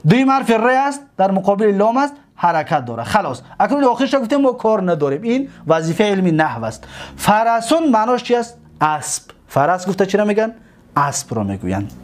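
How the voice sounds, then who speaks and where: Lively high-pitched Tajik teacher drilling words. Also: male voice. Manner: drawn-out slow repetitions of words, questions to students. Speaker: religious school teacher. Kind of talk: grammar lesson.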